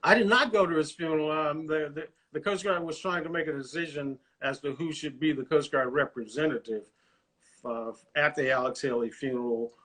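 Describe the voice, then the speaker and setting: An older man from the US, a retired officer, recalling his career in a measured, proud way during a family chat. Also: a little high, a bit bright. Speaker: guest, retired Coast Guard officer.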